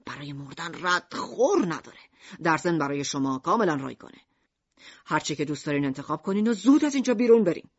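A woman voicing a gruff, irritable middle-aged male shopkeeper in an audiobook, speaking low and sarcastically. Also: very animated, no room sound, highs cut off, heavily acted. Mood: grim sarcastic. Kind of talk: audiobook character voice.

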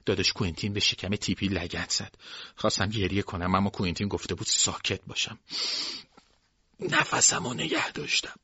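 A man's voice: low-pitched, steady tone, sharp tone, husky, dry recording, muffled recording. A man giving first-person scripted narration of a novel in a plain storytelling way. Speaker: audiobook narrator.

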